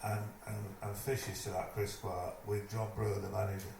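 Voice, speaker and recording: A man telling a lively stage anecdote, putting on other people's voices as he goes. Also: lowish voice, normal speed, creaky. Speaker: storyteller at a live evening event. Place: live event venue, indoors. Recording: echoey room, distant mic, noisy.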